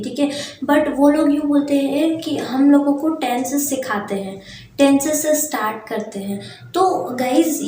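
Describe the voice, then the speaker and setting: A woman's voice: high-pitched, darkish tone, roomy sound, slight background noise. A young woman teaching simple English words in a casual lesson, patiently repeating each meaning and checking in with the viewer. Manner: patient, repeats each meaning, tags lines with "theek hai". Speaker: English teacher on her channel.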